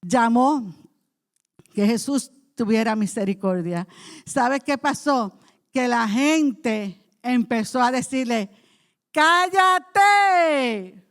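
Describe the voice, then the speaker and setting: A woman's voice: a little high, slow pace. Impassioned woman pastor preaching. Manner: impassioned, swings from soft to loud cries. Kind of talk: sermon. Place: church.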